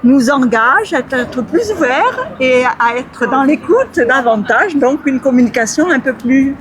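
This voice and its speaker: A woman's voice: sits high, lively intonation, a little slow, a little hiss or hum. A woman answering a street interview thoughtfully, with many hesitations. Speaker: passerby.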